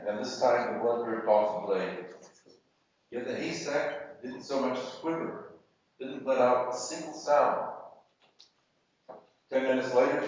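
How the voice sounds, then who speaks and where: A man's voice: mid-range voice, darkish tone. Man reading fiction in an echoey hall. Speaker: reader at a literary event. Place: university hall. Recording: echoey hall, distant mic, muffled.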